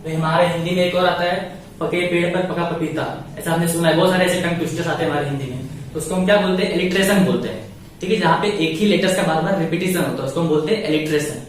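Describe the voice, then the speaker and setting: Male grammar teacher for an online lesson, slightly high voice, recorded in an echoey room away from the mic. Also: fast talker, distant mic, slight background noise. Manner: repeats questions to the class and answers them himself. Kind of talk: online lesson, code-switching explanation.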